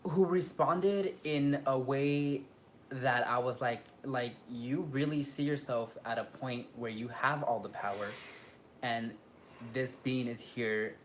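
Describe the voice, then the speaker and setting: A man co-hosting a casual reflective chat, thinking aloud in halting, repeated phrases. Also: mid-range voice, steady tone, low-quality recording. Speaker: drag queen reviewer, co-host. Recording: clear background room noise.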